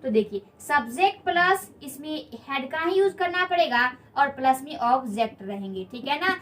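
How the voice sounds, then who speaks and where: A woman's voice: high voice, lively intonation, normal speed, fairly bright tone. A woman teaching a spoken English lesson at a board, patiently repeating key points and asking learners questions.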